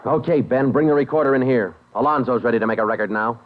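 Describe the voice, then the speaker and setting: An actor playing a stern, matter-of-fact police detective who narrates the case in a clipped, flat, businesslike way, heard as an old radio show broadcast. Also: male voice, mid-range voice, quick pace, very noisy. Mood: firm. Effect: old radio show broadcast sound. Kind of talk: 1950s radio crime drama. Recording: muffled vintage radio recording with music.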